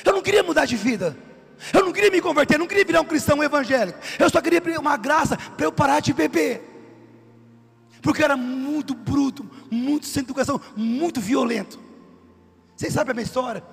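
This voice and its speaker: A man preaching a testimony sermon, emphatic and sometimes shouting, asking the congregation questions. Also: very high-pitched, quick pace, creaky, long reverb tail.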